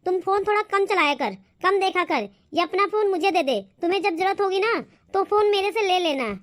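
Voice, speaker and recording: A woman's voice: very high-pitched, lively intonation, brisk, no echo. A woman voicing a stern, bossy older mother-in-law scolding in a cartoon.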